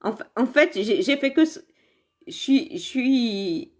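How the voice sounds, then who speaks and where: A woman's voice: a little high, lively intonation, takes it slowly. Chatty woman streaming from a phone. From Saint-Étienne area, France. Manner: chatty and rambling, laughs often, talks to viewers by name. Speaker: direct seller presenting makeup products. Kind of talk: casual live makeup demonstration. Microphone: phone camera in front of her.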